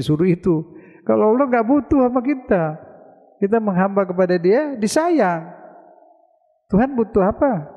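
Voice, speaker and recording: A man from Indonesia giving a conversational sermon in a mosque, asking his listeners questions and answering them himself. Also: high-pitched. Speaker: preacher. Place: large mosque hall. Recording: dull lo-fi recording with long hall reverb.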